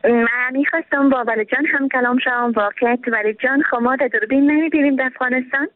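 A woman's voice: high-pitched, steady tone, slight background noise. Effusive woman calling in on a tinny phone line. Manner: warm, effusive, chatty. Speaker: caller. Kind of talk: phoning in to a radio show.

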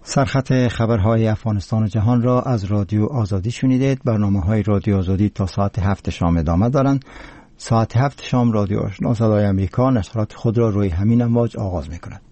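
A man presents scripted radio announcements in an Afghan accent. His voice is fairly low and mellow, recorded very dry. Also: no echo.

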